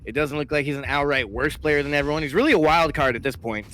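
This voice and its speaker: A man's voice: fairly high pitch, expressive, fast, fairly bright tone, a little hiss or hum. A man giving casual live game commentary in an informal, exclamatory way. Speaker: esports commentator.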